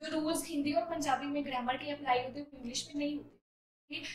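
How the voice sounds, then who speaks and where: A woman with an Indian accent teaching IELTS essay writing, mixing Hindi and English, reading sample sentences slowly and explaining them step by step. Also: sits high, steady tone, reverberant, far from the mic, poor audio.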